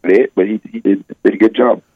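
Older guy calling in, super deep morning voice, rambly, lots of restarts, dull dry phone sound. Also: brisk, breathy edge, dry recording. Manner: relaxed, rambling storytelling with many restarts. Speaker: guest musician. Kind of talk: phone-in radio interview.

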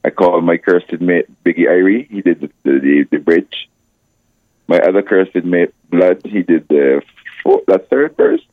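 An older man calling into a radio show as a guest musician, with a deep morning voice, telling a rambling story full of restarts. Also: expressive, unhurried, dry recording, narrow, tinny audio. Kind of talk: phone-in radio interview.

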